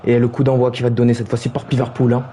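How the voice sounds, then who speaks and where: A young man commentates his own football video game like a broadcaster, calling out player names in a low, mellow voice. His tone is dark and relaxed, with faint noise under the desk mic. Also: racing. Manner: low calm play-by-play that rises to high shouted goal calls. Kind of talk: mock play-by-play football commentary.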